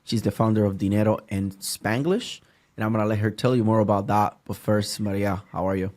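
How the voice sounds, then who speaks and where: A man with a Puerto Rican accent, a native Spanish speaker, hosting a casual podcast interview and talking haltingly with many restarts and fillers. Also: on the low side, fairly even intonation, darkish tone. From Puerto Rico. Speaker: podcast host.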